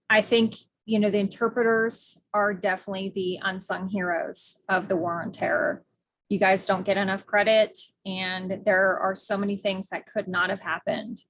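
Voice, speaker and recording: Middle-aged woman, podcast host, earnest, chatty with fillers, mid pitch. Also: creaky. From United States. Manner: warm, earnest, many fillers and restarts. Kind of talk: casual interview.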